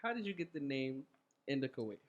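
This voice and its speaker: Male podcast host, mid-pitched, loose and jokey. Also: very animated, fast talker, muffled recording. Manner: loose, joking slang-heavy talk. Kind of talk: casual podcast chat.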